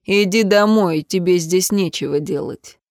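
A woman's voice: on the low side, unhurried, a little mellow, no echo, studio quality, natural voice. A woman voicing a rude, curt young man who growls his short replies. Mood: gruff.

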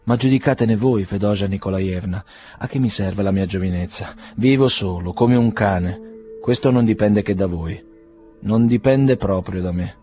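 A man's voice: lowish voice, normal speed, warm tone, faint music behind, close to an everyday voice. A man voicing a blunt, teasing young doctor in a storybook reading.

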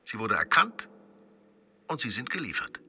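An actor playing a sly stage conjurer in a radio drama, talking in a smooth, coaxing, mock-confidential way. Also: male voice, medium pitch, very animated, normal speed, sharp tone, full character voice. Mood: persuasive. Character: sly male stage conjurer, probing and teasing.

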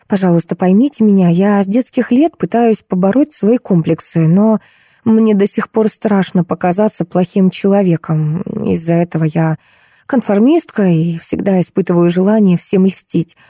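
Lady doing a nervy young people-pleaser in an audiobook, fretful, dark mellow voice, dry close sound. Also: medium pitch, moderate pace, no echo, lightly acted. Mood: anxious. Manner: fretful, pleading. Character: timid anxious young woman, people-pleaser. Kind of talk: audiobook character voice.

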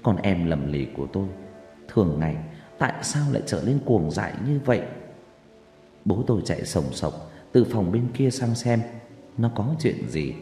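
A man narrating a horror story in a dramatic, expressive way, heard with echoey reverb and faint music. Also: normal speed, pauses often. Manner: expressive, with wide pitch swings. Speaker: audiobook narrator.

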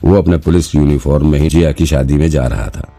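A man narrating an audiobook in a steady storytelling manner and acting out the characters' lines. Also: a bass voice, fairly quick, vocal fry.

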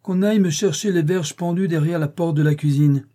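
A man's voice: on the high side, expressive, brisk, dark tone, voice pushed up. Man voicing a bullying mutineer sailor. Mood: menacing. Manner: gruff, threatening orders.

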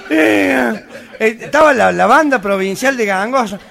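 A man telling a raucous joke on stage, shouting the punchlines. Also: sits high, animated, brisk, gravelly. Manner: rowdy storyteller, shouting punchlines amid laughter. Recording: live audience crowd noise. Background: audience laughter.

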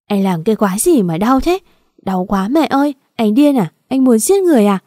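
Woman reader doing a young woman in pain, accusing and raised, dry mellow tone. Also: lively intonation, fairly quick, no room sound, natural voice. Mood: pained, furious. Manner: shrill, accusing outburst.

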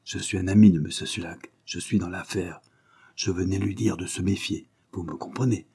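A man voicing a cunning male detective who pretends to be naive and then presses with quiet urgency. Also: lowish voice, moderate pace, slightly rough. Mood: urgent.

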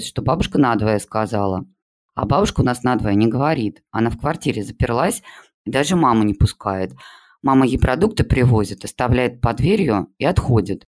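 A man's voice: mid-range voice, darkish tone, close to an everyday voice. A man voicing a chatty schoolgirl who rambles on about her family. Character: chatty schoolgirl, a fussy little girl.

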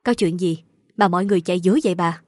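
Woman voicing a gentle protective aunt. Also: on the low side, fairly even intonation, quick pace, no echo, clean studio sound, close to an everyday voice. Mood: pleading. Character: caring, protective aunt, middle-aged.

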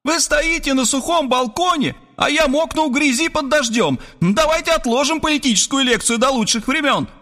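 A brash, bossy woman with a high, sharp voice snaps out impatient commands and scolding, as a male audiobook reader puts her on. Her delivery swoops up and down with lively pitch. The sound is dry and close. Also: normal speed, hardly any pauses, no echo, exaggerated voice. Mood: exasperated, scolding. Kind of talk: audiobook character voice.

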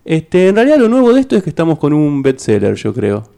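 A man hosting a radio show, chatting in a relaxed, rambling way and correcting himself as he goes. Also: on the high side, fast talker, creaky. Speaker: radio host. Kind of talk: casual radio chat.

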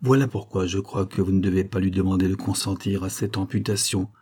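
A man voicing a composed colonel who argues calmly and persuasively. The voice stays close to the reader's own low, mellow and husky tone, an audiobook figure. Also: fairly quick. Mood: earnest. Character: calm, reasoned male colonel.

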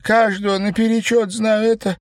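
Cringing farm chairman, whiny and tearful, cracking into a high wail, read by a man. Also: unhurried, creaky, no echo, clean studio sound. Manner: whining, breaking into tearful falsetto.

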